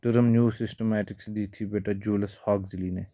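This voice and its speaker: A man's voice: fairly low pitch, steady tone, a little fast, mellow, no room sound. A male biology teacher giving an exam-prep lecture, calling his students "beta" again and again and mixing English terms into his talk.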